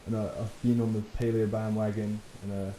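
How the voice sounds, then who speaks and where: A personal trainer hosts a podcast, chatting casually in a fairly low voice at a fairly quick clip. He laughs easily and swears now and then. The room sounds spacious, with a constant hiss underneath.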